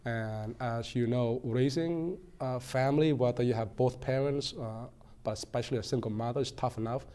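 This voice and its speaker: A man in his forties, born in Cambodia, telling his story as a guest in a TV studio interview, earnest and measured with frequent ums. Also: medium pitch, warm tone. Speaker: guest, political candidate. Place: small TV studio set.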